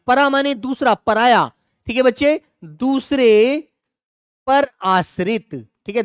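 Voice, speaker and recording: A middle-aged man teaches an online exam-prep grammar class in a smooth, resonant voice. He drills each example, repeats the words and keeps urging students to answer quickly. The sound is close and dry. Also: high-pitched, dry recording.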